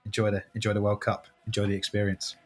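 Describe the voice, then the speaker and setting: A man's voice: on the low side, monotone, quick pace. A man with a Welsh accent chatting casually as a podcast co-host.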